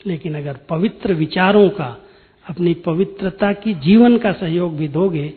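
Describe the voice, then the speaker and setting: A man's voice: high voice, measured pace. Older man, spiritual talk, thin phone-like sound, long hall echo. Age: 60s. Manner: earnest storytelling, preachy and direct. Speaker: spiritual speaker. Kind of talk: spiritual discourse.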